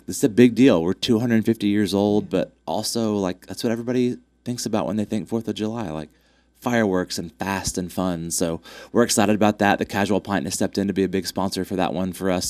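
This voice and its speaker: In a low, darkish, congested voice, a track club representative enthusiastically promotes upcoming races during a casual interview chat. He leans on plenty of fillers, and the audio has no echo.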